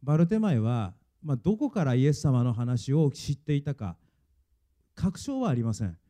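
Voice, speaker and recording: A man preaching with a very dark, mellow tone and a lively, swinging pitch. He speaks earnestly and stresses his points, a pastor addressing his congregation. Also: moderate pace. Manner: earnest, emphatic preaching, leads congregation in reading. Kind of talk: sermon.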